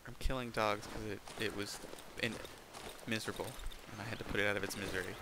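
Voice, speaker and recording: A man's voice: fairly low pitch, steady tone, fast, background noise. A man hosting a horror game stream, swearing often and teasing his co-host in casual chat. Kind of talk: casual let's-play chat.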